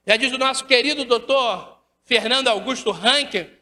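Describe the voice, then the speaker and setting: A woman's voice: on the high side, moderate pace, pushed and bright. A woman with a Rio de Janeiro Brazilian accent giving a spiritist lecture, asking rhetorical questions and tagging her sentences with questions to the audience. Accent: Brazilian Portuguese, Rio de Janeiro. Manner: rhetorical questions, constant tag questions, acts out dialogues. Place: lecture hall of a spiritist center. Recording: reverberant hall.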